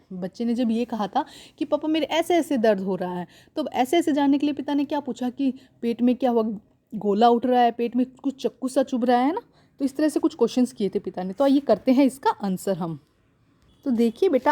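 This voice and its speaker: A woman's voice: high voice, warm tone. A woman teaching a class lesson on a Hindi one-act play, calling her students "beta" and restating each line in simple words.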